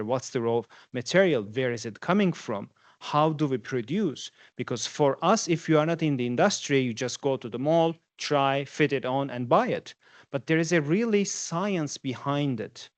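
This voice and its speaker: A forty-something man from Turkey whose native language is Turkish chats with students during a guest lecture, asking them questions. His voice sits at medium pitch, and the recording has no echo.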